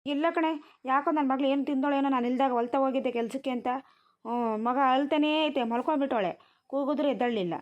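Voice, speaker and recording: A woman's voice: high-pitched, quick pace, muffled recording, lightly acted. Woman voicing a scolding village grandma. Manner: nagging, scolding rural speech. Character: scolding village grandmother, tired and sharp-tongued. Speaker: grandmother tending a newborn.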